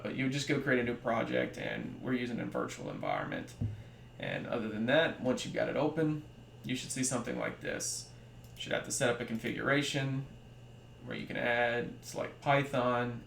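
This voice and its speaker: Casual young man with a gravelly voice. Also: mid-range voice. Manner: relaxed, many ums and trailing pauses. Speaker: software library developer. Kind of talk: casual screen-recorded tutorial. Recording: roomy echo with faint hum.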